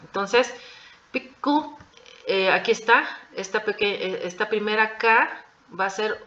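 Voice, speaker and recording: A woman gives a patient language lesson, repeating each word and pausing to check her students follow. Her voice is bright and forward. The recording is dull and lo-fi. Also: medium pitch, steady tone. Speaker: Japanese language teacher. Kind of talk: classroom explanation.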